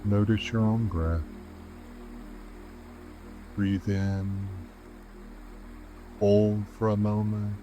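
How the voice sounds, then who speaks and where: Deep, slow man guiding a calm grounding meditation. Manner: calm, gentle, unhurried with measured pauses. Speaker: meditation guide. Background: rainforest sounds with insects, soft music.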